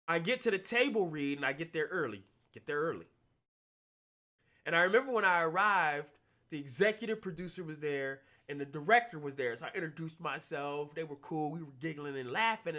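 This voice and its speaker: A young adult man telling stories casually, animated, acting out the quotes with big jumps in his voice. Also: fairly high pitch. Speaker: actor telling stories on a talk stream. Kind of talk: casual storytelling.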